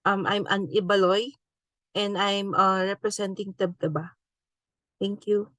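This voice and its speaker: A woman from the Philippines briefly introducing herself on an online call, pausing with "um". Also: medium pitch, fairly even intonation, fairly bright tone, no echo. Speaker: participant.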